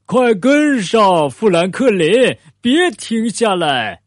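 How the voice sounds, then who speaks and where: Brief: dad as a young bear cub for a storybook, hearty raised voice, slightly off-mic. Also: male voice, on the high side, huge pitch swings, unhurried, a little mellow, breathy edge, no echo, studio quality, full character voice. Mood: shouting.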